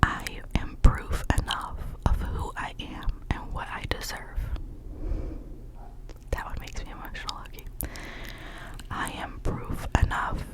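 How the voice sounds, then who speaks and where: An ASMR host giving a whispered pep talk of positive affirmations in a gentle, encouraging manner, often repeating phrases slowly. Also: low-quality recording.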